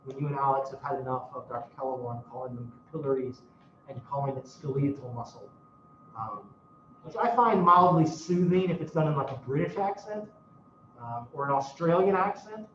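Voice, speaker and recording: A man's voice: medium pitch, lively intonation, a little fast, a bit bright, slight background noise. A man lecturing a university class in a casual, self-mocking way, swearing now and then. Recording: roomy, distant, dull classroom recording.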